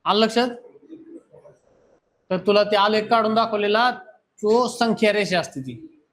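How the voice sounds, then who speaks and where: Speaking a little slowly, a man with a high, fairly bright voice scolds his class bluntly and addresses the students head-on. The talk is a classroom lecture mixed with a pep talk.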